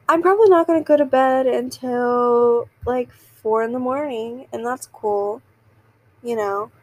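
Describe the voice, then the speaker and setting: A woman's voice: medium pitch, poor audio. A young woman hosting a casual solo podcast, rambling and giggling as she talks. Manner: rambling, giggly, self-deprecating. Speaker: podcast host.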